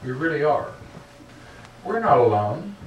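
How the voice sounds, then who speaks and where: A man with a slightly high, sing-song voice speaks a little slowly as he earnestly answers audience questions at a public talk, checking in with "okay?" again and again. The audio is dull, distant, and roomy, like a hall, with faint noise.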